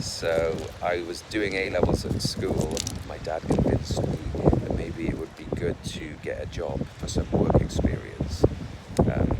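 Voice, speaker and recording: A middle-aged man talking casually to camera about his life, hesitant, with many fillers and restarts. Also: rumbling low. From Wales. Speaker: vlogger. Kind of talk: casual personal talk to camera. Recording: loud wind noise over the mic.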